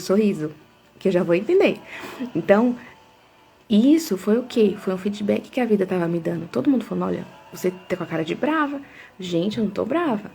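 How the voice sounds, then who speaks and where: A woman's voice: on the low side, creaky, mellow. A woman hosting a casual devotional talk, chatty and full of storytelling asides. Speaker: devotional host.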